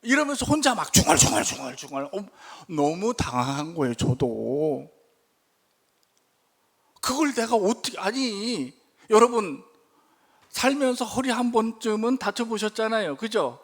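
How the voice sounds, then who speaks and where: High pitched guy preaching, telling a story, keeps asking the church questions. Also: expressive, a little slow. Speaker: pastor. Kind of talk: sermon storytelling.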